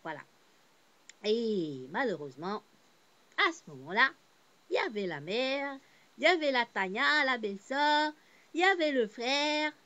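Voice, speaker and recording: Pausing often and speaking at a measured pace, a woman with a slightly high voice tells a personal story. She was born in Portugal into a Cape Verdean family, and her casual telling rambles with fillers and restarts, heartfelt and shifting between subdued and animated.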